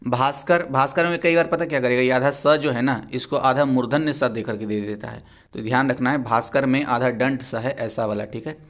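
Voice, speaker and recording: A young man walks through exam questions one by one with a steady, middle-pitched voice. He explains each answer and says words again to show how they should be spelled. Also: normal speed. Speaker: teacher. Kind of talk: exam revision lesson.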